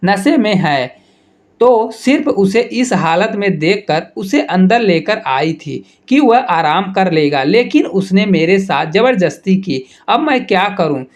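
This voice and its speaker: Guy reading as a scheming young woman crying foul in a spoken story, highish voice. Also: expressive, slow pace. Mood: distraught.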